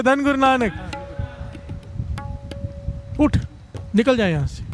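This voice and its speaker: A Sikh katha preacher gives a devotional storytelling sermon before a congregation at a religious gathering, urging them to call and respond. He is animated, and his pitch rises as he exhorts them on.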